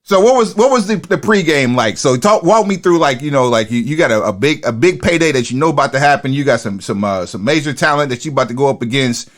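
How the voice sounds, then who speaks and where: A man's voice: mid-range voice, animated, quick pace, few pauses. A man co-hosting a podcast, asking rambling questions and laughing along in casual chat. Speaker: podcast co-host.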